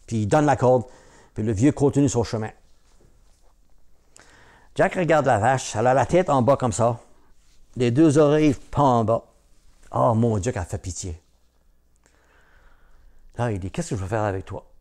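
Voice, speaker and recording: A man's voice: mid-range voice, expressive, a little slow, long pauses, a little mellow. A man telling a folk tale aloud in a conversational way, with asides to his listeners. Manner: conversational, repetitive "il dit" framing, asides to listeners. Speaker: storyteller.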